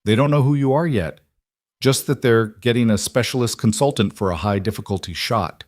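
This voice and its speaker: A man voicing a brisk, blunt woman Marine colonel in a story reading. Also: medium pitch, no echo, clean studio sound, close to an everyday voice. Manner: blunt, clipped.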